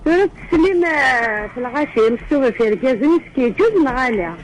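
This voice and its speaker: Woman calling in on radio, high soft voice, slow and quiet. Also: expressive, poor audio. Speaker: caller. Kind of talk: phone call to a radio show.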